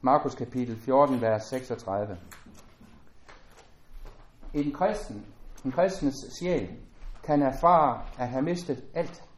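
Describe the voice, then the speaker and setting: A man preaching a sermon as a pastor, earnest and measured, his voice dropping at the ends of phrases. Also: mid-range voice, reverberant.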